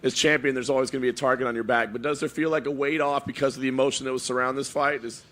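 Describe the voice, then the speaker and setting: A man's voice: medium pitch, steady tone, very fast, a bit bright. A man working as a reporter, putting questions to a fighter at a press conference.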